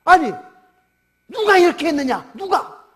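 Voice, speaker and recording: A man's voice: extremely high pitch, takes it slowly, darkish tone, voice pushed up. A male pastor voicing an astonished crowd of onlookers in a sermon, exclaiming in disbelief. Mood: amazed.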